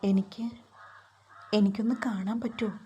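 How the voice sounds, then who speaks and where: A woman voicing a shy, hurt young college girl in a storybook reading, speaking softly and hesitantly. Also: mid-range voice, steady tone, normal speed, a little hiss or hum, close to an everyday voice. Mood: earnest.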